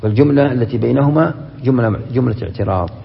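A man, a sheikh giving a Quran commentary lesson, quick and emphatic, often breaking off and restarting words. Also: mid-range voice, animated, creaky. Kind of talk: classroom lecture with questions to students. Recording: dull, echoey lecture-hall recording.

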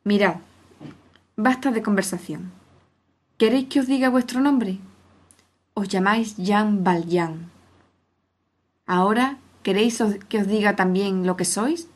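A woman reading aloud, voicing a male innkeeper who refuses a guest in a measured, firm tone. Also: medium pitch, close to an everyday voice. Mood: menacing.

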